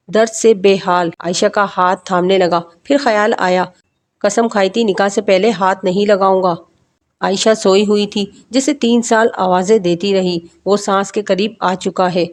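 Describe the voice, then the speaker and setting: A woman storyteller narrating an emotional moral story. Her delivery is dramatic and lamenting, at a medium pitch.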